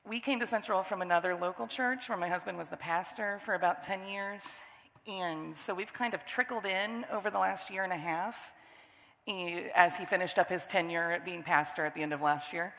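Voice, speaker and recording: A middle-aged woman with a hoarse, still-recovering voice, giving a conversational sermon as guest preacher, candid and self-deprecating. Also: lowish voice, normal speed, fairly bright tone. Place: church sanctuary. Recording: long church hall reverb.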